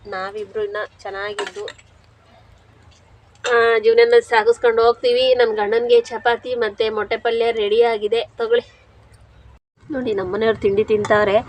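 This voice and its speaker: A woman's voice: medium pitch, slight background noise. A young woman, talking frankly and chattily to her viewers while cooking. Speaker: village vlogger.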